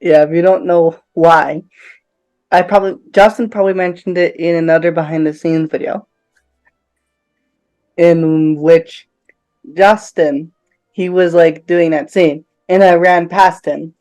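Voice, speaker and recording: A man's voice: on the high side, steady tone, measured pace, long pauses, a little mellow. A man co-hosting a behind-the-scenes commentary, upbeat, steering the talk and prompting his partner. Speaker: co-host and actor in the fan film. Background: faint film music.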